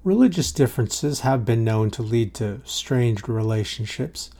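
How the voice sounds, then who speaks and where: A male host reads scripted documentary narration in a measured way, his voice low in tone and gravelly at the edges. He introduces each guest in turn. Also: expressive, mellow.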